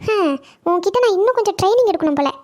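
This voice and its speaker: A cheeky young cartoon woman, voiced by a woman, teasing and bossing in a very high, fast voice. Her tone stays playful and sharp-tongued. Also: animated. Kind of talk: cartoon comedy acting.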